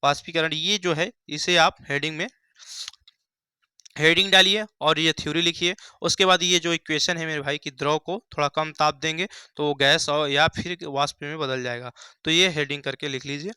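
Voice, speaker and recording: A man's voice: on the high side, steady tone, normal speed, bright, forceful tone, clean tone, no echo. A young man teaching a Hindi science lesson at a board, who asks the class questions and answers them himself, repeating key phrases. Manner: repeats key phrases, calls students "bhaiya" and "mere bhai".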